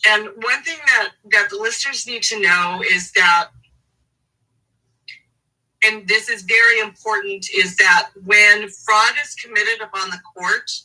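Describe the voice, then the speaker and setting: A woman advocate in an interview, speaking emphatically and indignantly, slowing down to stress key words. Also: medium pitch, sharp tone, recorded from a distance, low-quality recording. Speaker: advocate for a family in a custody case. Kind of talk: interview guest, reading court documents.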